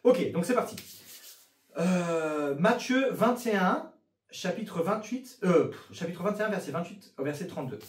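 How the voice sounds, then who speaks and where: Man, lively pitch, filler-heavy casual chat, roomy distant recording. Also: unhurried. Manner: animated, hesitant with many fillers. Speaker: youth ministry host. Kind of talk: casual chat and Bible reading.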